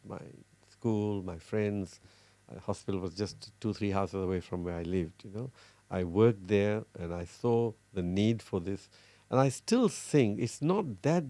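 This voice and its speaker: A middle-aged man from Fiji, a cardiologist, talking earnestly in an interview with many pauses and restarts. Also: on the low side, mellow, no echo. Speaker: cardiologist guest. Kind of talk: casual interview talk.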